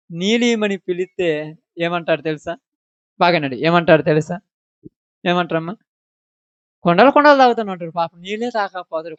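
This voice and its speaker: A man's voice: fairly high pitch, no echo, dull audio. A man preaching a sermon, asking the congregation question after question to drive home his points. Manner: emphatic, asks the congregation questions.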